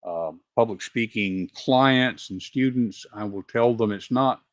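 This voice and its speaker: A man's voice: lowish voice, unhurried, dry recording, clean studio sound. An older man with a Southern accent hosts an interview over a video call and thinks aloud in a conversational way. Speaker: host.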